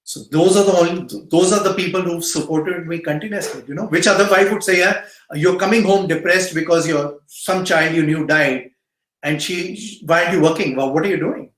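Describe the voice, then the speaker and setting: A man's voice: on the high side, normal speed, fairly bright tone. A middle-aged man with an Indian accent, speaking earnestly as an interview guest and repeating phrases for emphasis. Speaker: guest speaker, cancer patient support volunteer. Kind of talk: earnest interview answers and motivational advice to youth. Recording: roomy, echoing sound.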